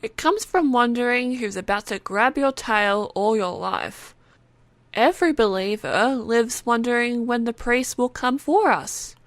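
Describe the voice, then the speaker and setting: A woman's voice: a little high, animated, unhurried, dry recording. A woman voicing a young, perceptive female cat-alien believer who talks in a wry, good-humored way in an audiobook. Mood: cheerful. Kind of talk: audiobook character acting.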